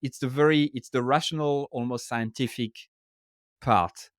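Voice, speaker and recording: A medium-pitched male voice with fairly even intonation and a moderate pace belongs to an author from France guesting on a podcast. Speaking English as a non-native with a French accent, he explains ideas in casual interview talk, frequently checking in with "right?", in a studio-quality recording without echo.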